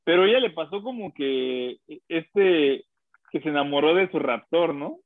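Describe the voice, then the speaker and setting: A man's voice: a little high, animated, unhurried, dry recording. A man, co-hosting a casual chat and joking around with silly impressions. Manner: jokey, laughing, does silly impressions. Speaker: podcast co-host. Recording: tinny phone-like line.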